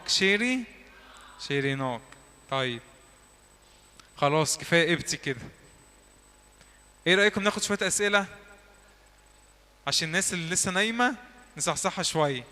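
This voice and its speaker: Bright-voiced man teaching a class. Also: high voice. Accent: Egyptian Arabic. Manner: repeats words slowly for the class to echo, quizzes listeners. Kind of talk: lively classroom teaching with drills. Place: church hall.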